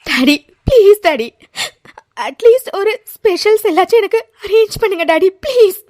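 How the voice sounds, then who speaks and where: A woman's voice: very high voice, big pitch swings, moderate pace, darkish tone. A woman voicing a spoiled young woman in a cartoon, whiny and tearful as she pleads with her father. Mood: pleading. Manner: whiny pleading, keeps saying daddy. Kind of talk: cartoon voice acting.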